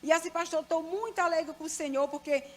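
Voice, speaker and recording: A woman's voice: very high-pitched, fairly even intonation, fast. A middle-aged Brazilian woman at a church service, sharing a rambling testimony and praying fervently and repetitively, calling out to God and the pastor again and again. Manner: rambling, keeps turning to the pastor with "né"; fervent, repetitive prayer full of "Senhor" and "Pai". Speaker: church member giving testimony and offering prayer. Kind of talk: testimony and spontaneous prayer.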